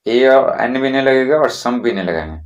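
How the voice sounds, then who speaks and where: A man, teaching English grammar to schoolchildren in a slow, repetitive way, often checking that students follow. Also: mid-range voice, animated. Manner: slow, repetitive classroom explaining with frequent checks.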